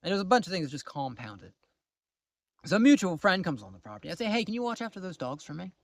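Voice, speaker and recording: A man recounting his own misadventures in a casual vlog, his voice swinging up and down with a slightly high pitch. He sounds exasperated, often sinking into low asides. The sound is close and completely dry. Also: quick pace, dry recording. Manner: animated, exasperated storytelling, drops to low mutters. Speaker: vlogger. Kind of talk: casual storytime.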